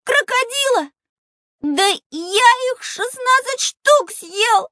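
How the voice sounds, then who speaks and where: A woman voicing a dreamy, wistful little lion cub in an audio drama, in a high childlike singsong. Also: animated, slow pace, sharp tone, no room sound, studio quality, exaggerated voice. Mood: defiant.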